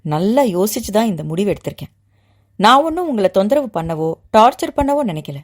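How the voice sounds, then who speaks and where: A calm grown man who never rushes a word, as a woman storyteller puts him on. His speech is steady and measured, with a pitch that moves freely and a middle-height tone. A patient, unruffled adult in an audio novel. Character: calm, composed grown man asking to be guardian.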